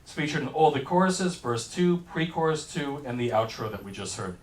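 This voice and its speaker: This distant, rough recording catches a man with an expressive, mid-range voice lecturing briskly in a roomy-sounding hall. He eagerly explains how a hit song is put together, speaking over faint musical excerpts.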